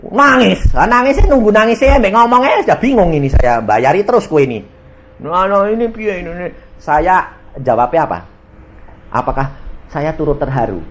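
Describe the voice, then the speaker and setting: A middle-aged male pastor, preaching a sermon that jumps between loud bursts and low asides and mixes in everyday local speech. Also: a little hiss or hum.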